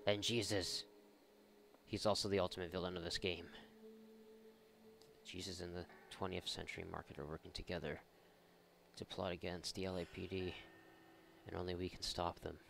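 Here the gaming host's voice is low with vocal fry as he delivers casual, sarcastic, frequently profane let's play commentary. A little hiss or hum is audible.

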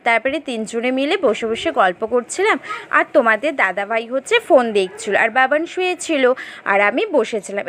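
A woman's voice: on the high side, fairly bright tone. A young woman from Bengal chatting to viewers in a casual home vlog, explaining her chores. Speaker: vlogger. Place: small home. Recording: noisy home recording.

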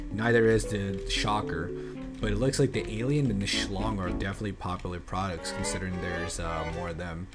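A man streaming video games, giving casual running commentary, excitable and swearing as he plays. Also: fairly low pitch. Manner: excitable, swears and shouts at the game.

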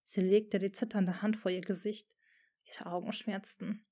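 Slow, dramatic woman storyteller. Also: medium pitch, flat delivery, mellow. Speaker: fan-fiction reader. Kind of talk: audiobook narration.

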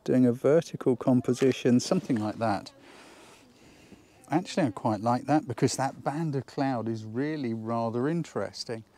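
With a dark tone, a mid-range voice, and a moderate pace, a photography tutor gives a chatty, enthusiastic lesson for an instructional outdoor vlog on a countryside hillside. He thinks aloud as he works, and a little hiss or hum is audible.

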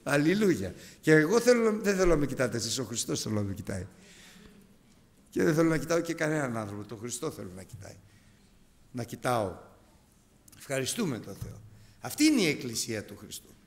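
A man in his fifties preaching a sermon to his congregation, animated and emphatic. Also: medium pitch, pauses often. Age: 50s. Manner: animated, emphatic, addresses brethren. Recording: hall reverb.

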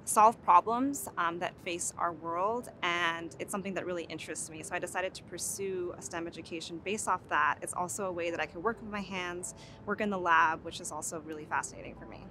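A woman's voice: on the low side, fairly even intonation, brisk, background noise. A young woman who is a PhD student, speaking earnestly in an outdoor interview testimonial. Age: young adult. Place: outdoors on campus.

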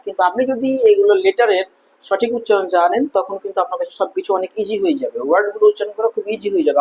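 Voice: medium pitch, a little mellow, husky, lo-fi sound. An English pronunciation teacher giving a spoken lesson, patiently repeating each letter sound several times.

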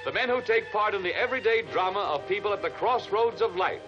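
A man's voice: high-pitched, quick pace, lo-fi sound, over music. A man opening an old radio broadcast as its announcer, speaking in a formal, emphatic way. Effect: old radio broadcast sound. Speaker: program announcer.

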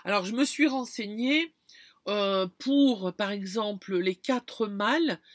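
A woman's voice: medium pitch, slow, no room sound, studio quality. A woman from France talking casually to her viewers, explaining things with lots of fillers and restarts. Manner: chatty, many fillers and restarts, addresses viewer directly. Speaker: vlogger. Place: campground.

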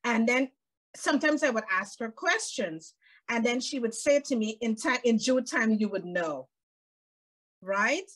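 A jovial middle-aged woman from Guyana, with a Guyanese accent, chats as a podcast guest on a video call from a room at home, laughing often in this casual interview. Her voice is fairly high, expressive, a little slow and somewhat bright.

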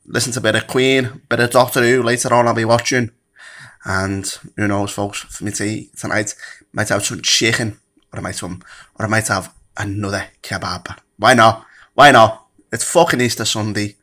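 Man, bright forceful voice, blunt and sweary, casual vlog. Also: lowish voice, fairly even intonation, normal speed. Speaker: vlogger. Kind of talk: casual rant to camera.

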